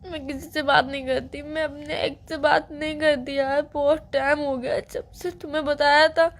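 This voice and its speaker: A woman's voice: high-pitched, little pitch movement, moderate pace. A young woman on a phone call, crying and pleading, insisting over and over that she is loyal. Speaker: girlfriend on the phone.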